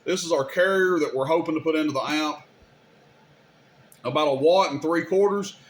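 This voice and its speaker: A video host demonstrating CB radio gear runs a casual, hands-on technical demo, talking informally and directly to viewers in a folksy manner. His voice is a little high, at normal speed.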